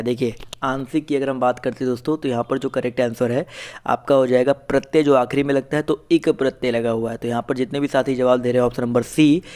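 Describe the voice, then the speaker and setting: A man's voice: mid-range voice, darkish tone. A man teaching an online exam-prep class, reading out questions and options, then explaining each answer to his viewers. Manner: addresses viewers as friends, asks "clear?"; reads out options and answers them one by one.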